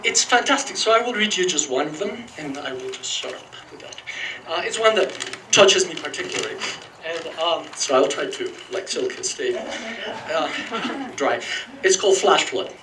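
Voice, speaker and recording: A middle-aged man with a Mexican accent, a native Spanish speaker, sharing good-humored memories at a memorial and then reading a poem slowly. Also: on the high side, animated. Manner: good-humored, self-deprecating, slows down for verse. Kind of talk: memorial remembrance and poetry reading. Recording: echoey room, far from mic, faint noise.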